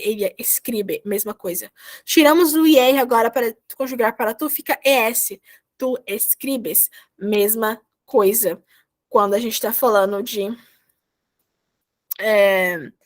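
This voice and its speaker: A slightly high, somewhat bright female voice leads a Spanish grammar class by video call. She breaks verb endings down step by step with patience, saying things more than once.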